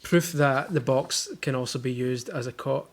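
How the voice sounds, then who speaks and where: A young man from Scotland talks casually at home while unboxing a baby box for his vlog. He speaks at a moderate pace in a mid-range voice, tossing in dry jokes from the living room.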